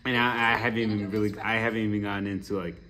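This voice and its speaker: A man's voice: lowish voice, little pitch movement, very fast, pushed and bright. A young man hosting a reaction video, talking casually with lots of swearing and jokes, getting worked up. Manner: profane, joking, riled up.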